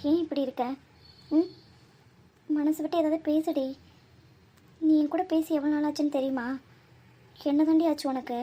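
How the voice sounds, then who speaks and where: Woman as anxious best friend in a cartoon, high bright voice, coaxing and insistent. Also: fairly even intonation, normal speed, long pauses, dull audio, close to an everyday voice. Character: worried young college woman, persistent best friend. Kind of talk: cartoon voice acting.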